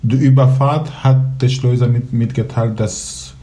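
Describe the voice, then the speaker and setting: A thirty-year-old man from Syria, a native Kurdish speaker, telling his story at length as an interview guest in an earnest, fast-talking way. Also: medium pitch, fairly even intonation, warm tone. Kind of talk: conversational storytelling.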